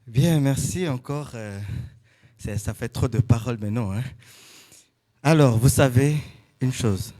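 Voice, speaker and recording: A man's voice: medium pitch, measured pace, pauses often, dark tone, lightly acted. A man playing a teasing Congolese brother presenting his family in a drama, speaking in short phrases with wry asides. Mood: wry, relaxed.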